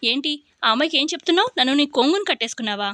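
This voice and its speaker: Woman doing angry young husband, snappy and bitter, quick high voice. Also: lively intonation, pushed and bright, dry recording, clean studio sound. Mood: resentful scolding. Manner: scolding, curt orders.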